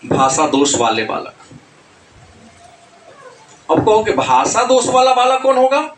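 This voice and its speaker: A male teacher giving an animated classroom lecture, scolding students and laughing between points. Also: high voice, takes it slowly, echoey room, recorded from a distance, a little hiss or hum, low-quality recording. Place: coaching classroom.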